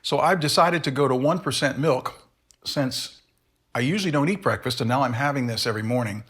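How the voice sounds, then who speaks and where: A middle-aged man hosts a relaxed candy review on his own, wandering off topic and stopping to correct himself. His voice is husky and a little breathy, and it sits at an ordinary pitch for a man. He chews and talks at the same time. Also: fairly quick. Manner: rambling, self-correcting, talks while chewing. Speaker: candy reviewer, show host. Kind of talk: casual solo review.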